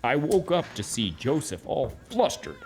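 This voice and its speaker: A man playing a weary, aggrieved donkey who tells his journey for a children's audio drama, with deliberate dramatic pauses. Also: mid-range voice, huge pitch swings. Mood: weary storytelling. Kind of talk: first-person children's audio drama narration. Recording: noisy, with animal and cricket ambience.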